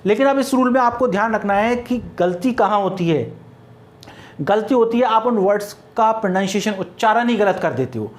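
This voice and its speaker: A man's voice: high voice, animated, normal speed. Man teaching with rhetorical drill questions. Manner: spells words out letter by letter. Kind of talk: classroom grammar lecture.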